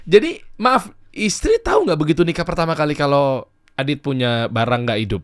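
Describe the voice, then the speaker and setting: A man hosting a podcast, asking hesitant, careful questions between quiet murmured reactions. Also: a little high, big pitch swings, fairly quick, dry recording, studio quality. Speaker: podcast host. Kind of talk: podcast interview.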